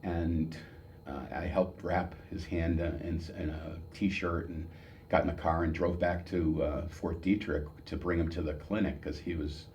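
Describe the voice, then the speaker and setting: Deep-voiced elderly American veteran remembering. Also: male voice, flat delivery, a little mellow, a little hiss or hum. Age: 70s. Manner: halting, reminiscing, with pauses and repeated words. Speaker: military veteran giving an oral history. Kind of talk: old veteran remembering, unscripted personal storytelling.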